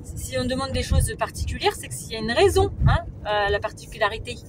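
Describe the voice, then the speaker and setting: A woman's voice: a little high, lively intonation, a little fast, background noise. A woman vlogging outdoors, exasperated and ranting with hesitations. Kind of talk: casual vlog. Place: outdoors, parking lot and hospital grounds.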